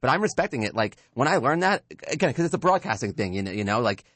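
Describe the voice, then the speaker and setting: A man talking sports on college radio in a quick, rambling way, repeating words as he thinks. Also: medium pitch, big pitch swings, a bit bright, no room sound. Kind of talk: casual sports talk.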